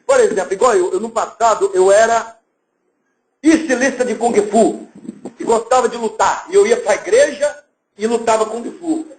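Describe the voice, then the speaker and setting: Male Brazilian pastor, high lively voice, roomy church sound. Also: normal speed, slight background noise. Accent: Brazilian Portuguese. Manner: lively preaching, acts out little scenes and voices. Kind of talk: sermon.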